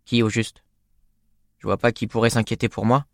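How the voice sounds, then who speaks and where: Male narrator as a reclusive teen boy, monotone and low-energy, storybook voice, dry close sound. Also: normal speed, vocal fry, no echo. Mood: flat. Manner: flat, monotone, weak-voiced. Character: withdrawn, aloof teenage boy.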